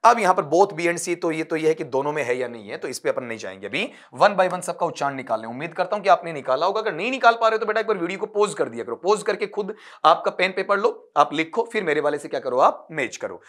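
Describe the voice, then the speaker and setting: A man's voice: on the high side, lively intonation, quick pace, a bit bright. A male English teacher giving an online exam-prep phonetics lecture, patiently drilling sounds one at a time and addressing students as "beta". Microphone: recording from a desk for an uploaded class video.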